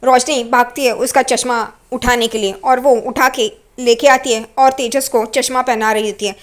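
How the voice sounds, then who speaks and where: A woman casually retelling a TV serial episode in an animated, vivid way. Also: a little high, moderate pace. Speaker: TV serial recap narrator. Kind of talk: casual storytelling recap.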